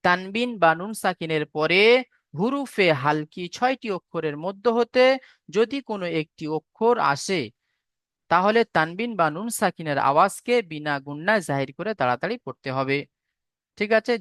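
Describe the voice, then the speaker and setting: A man's voice: fairly high pitch, lively intonation, moderate pace, fairly bright tone, dry recording. Male recitation teacher, patient and repetitive, dry video-call sound. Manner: patient, repetitive explaining, spelling out syllables. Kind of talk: online tajweed class lecture.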